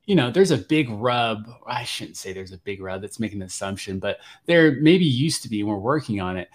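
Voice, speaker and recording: A man hosting a podcast interview, asking questions in a halting, friendly way with many restarts. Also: on the low side, lively intonation. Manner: hesitant, stammering restarts. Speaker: podcast host. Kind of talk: casual interview.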